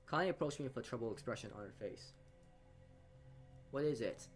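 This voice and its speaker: With game background music behind him, a man narrates a visual novel for a gaming video at a fairly quick clip. His medium-pitched voice is animated, and he adds casual remarks while often stumbling or repeating words.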